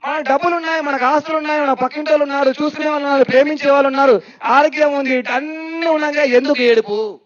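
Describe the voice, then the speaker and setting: Spiritual speaker, man, very high voice, lively, asks the crowd questions, dull lo-fi recording. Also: fast talker. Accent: Telugu. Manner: lively, questioning, repeats phrases for emphasis. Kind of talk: meditation discourse. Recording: dull lo-fi sound.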